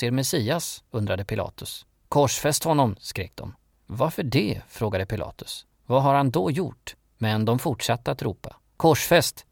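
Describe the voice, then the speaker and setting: A man narrating a Bible story in a steady, measured reading. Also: medium pitch, vocal fry, no echo, clean studio sound.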